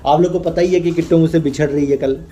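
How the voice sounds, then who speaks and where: A man's voice: fairly high pitch, fairly even intonation, fast talker, mellow, muffled recording, faint music behind. A man hosting a casual home vlog, teasing and coaxing his wife in an affectionate way. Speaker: vlogger.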